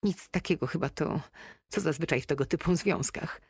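A woman's voice: low-pitched, moderate pace, breathy edge, dry recording, studio quality, full character voice. A woman reading an audiobook, voicing a heartbroken young woman who sounds tired and strained, sniffling through the call. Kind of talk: audiobook character voice.

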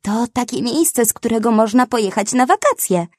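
A woman voicing a brave, eager young female rhinoceros who talks high and flustered. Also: animated, normal speed, a little mellow, no echo, studio quality.

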